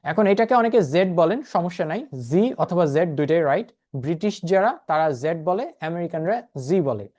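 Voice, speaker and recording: A man's voice: a little high, lively intonation, moderate pace, few pauses, a little mellow. A man teaching an online class over a video call, patiently repeating and spelling things out for his students. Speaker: spoken English instructor.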